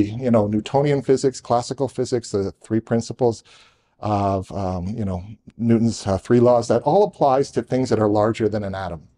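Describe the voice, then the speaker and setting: A man's voice: mid-range voice, dark tone. A man presenting a technical talk to a live audience in a conference room, hurrying with restarts and joking asides to the room. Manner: rushed, talking fast with restarts.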